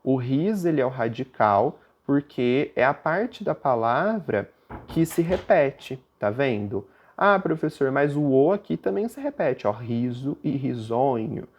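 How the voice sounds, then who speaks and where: A man with a Brazilian Portuguese accent, teaching a recorded grammar lesson and explaining step by step. He often stops to check that the listeners are following. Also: darkish tone. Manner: puts on a student's objection in a higher voice.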